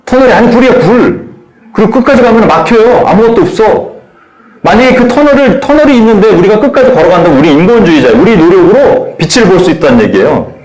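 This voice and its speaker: Male pastor, animated sermon delivery, voice sits a bit high, lots of pitch swing, roomy echo. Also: fast. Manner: animated, acts out voices in quotes.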